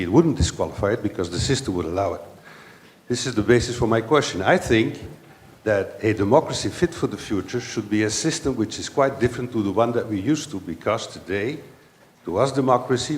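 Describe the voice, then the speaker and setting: Deliberate man posing rhetorical questions. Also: on the low side, a little mellow. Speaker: parliamentarian. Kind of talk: round table intervention.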